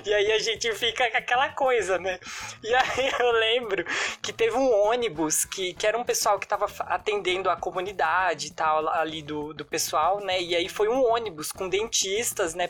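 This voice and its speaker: A man's voice: high-pitched, moderate pace, fairly bright tone, faint music behind. A man from Brazil co-hosting a podcast, telling a childhood story in a rambling casual way full of fillers. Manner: rambling, many fillers like né and tipo. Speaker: podcast co-host. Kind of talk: casual chat.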